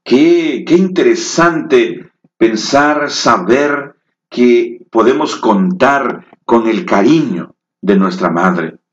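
A man preaching a sermon in slow, emotive storytelling that rises into dramatic peaks. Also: mid-range voice, lively intonation. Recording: echoey, dull lo-fi room.

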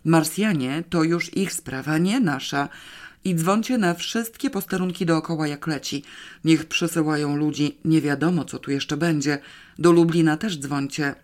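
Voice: mid-range voice, moderate pace, lightly acted. An audiobook narrator voicing a flustered small-town police commander who barks orders and keeps changing his mind.

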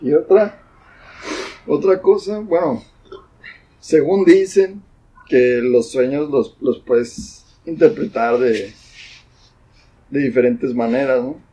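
A young man with a Mexican accent, talking in a relaxed, slangy casual chat. His voice is mellow and dark, with a husky edge. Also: mid-range voice, takes it slowly, long pauses, low-quality recording. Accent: Mexican Spanish. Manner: laid-back, slangy.

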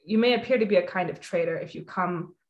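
A young woman with a lower voice talks quickly on a lo-fi recording while hosting an interview. Her tone is thoughtful and earnest in this reflective conversation, and she peppers her sentences with "you know" and "I think."

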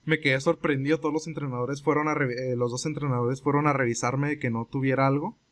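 Speaking fast in a medium-pitched voice with a Mexican Spanish accent, a young Mexican man rambles through a long story in casual conversation. He's relaxed and acts out the quoted exchanges between the people in it.

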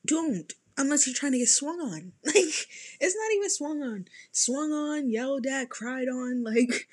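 A young woman chatting casually to camera as a vlogger, animated and laughing often, with lots of "like"s. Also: mid-range voice, husky. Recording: faint music behind.

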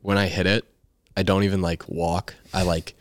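A young man, a baseball player, casually telling his story as a podcast guest, animated and swearing freely. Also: low voice, normal speed, no echo, studio quality. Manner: animated, swears freely, acts out quoted voices.

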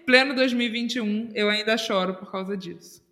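A woman's voice: mid-range voice, fairly quick, a bit bright. A woman, a podcast guest speaking earnestly in casual chat and repeating words for stress.

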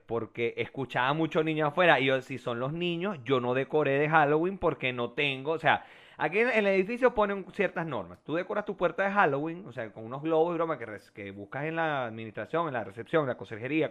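This podcast co-host, a man with a Venezuelan accent and a fairly high voice, tells animated stories full of slang in relaxed chat, over dull-sounding audio.

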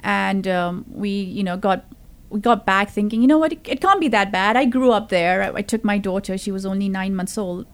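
Speaking at a moderate pace in a mid-range voice, a woman from Zambia in her thirties shares her story as a podcast guest. The talk is casual and earnest, dotted with fillers and false starts.

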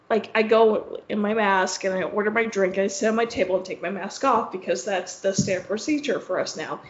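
A woman co-hosting a podcast, telling a rambling, profane story full of fillers. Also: mid-range voice. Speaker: podcast co-host. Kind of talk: casual chat. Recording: echoey room, dull lo-fi sound.

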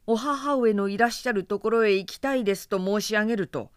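A woman narrator voicing a young male storm god who pleads his case quickly and politely, in a dry, close storybook reading. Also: medium pitch, clear, resonant tone, no echo, lightly acted. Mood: earnest pleading. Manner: polite, rapid pleading speech.

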